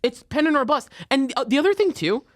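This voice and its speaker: A man co-hosting a casual sports podcast, animated and argumentative as he pushes back on the others. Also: very high-pitched, fairly quick, no echo. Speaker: podcast co-host.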